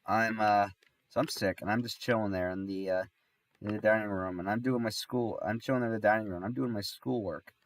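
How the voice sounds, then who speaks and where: A man's voice: lowish voice, fairly even intonation, a little fast, no echo, distant mic. A man with a stuffy nose from being sick, telling a rambling story on a livestream, full of restarts and fillers. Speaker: streamer.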